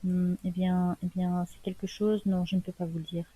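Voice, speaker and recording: A woman's voice: fairly low pitch, little pitch movement, normal speed, husky, phone-quality sound. A woman doing a dodgy old fake doctor. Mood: evasive. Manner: hesitant, hemming, dodging questions. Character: old man, fake clinic director, evasive.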